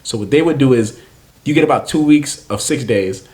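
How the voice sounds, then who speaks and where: A man's voice: mid-range voice, moderate pace. A young adult man from Naples, Florida, a chef and food truck owner, telling stories in a casual interview and acting out the voices of the people he quotes. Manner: animated storyteller, acts out quoted voices.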